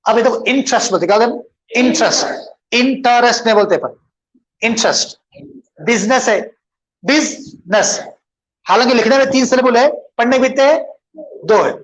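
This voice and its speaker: A man's voice: extremely high pitch, fast, poor audio. A man teaching an English grammar lesson, switching between English and Hindustani and answering his own questions as he goes. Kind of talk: bilingual classroom lesson.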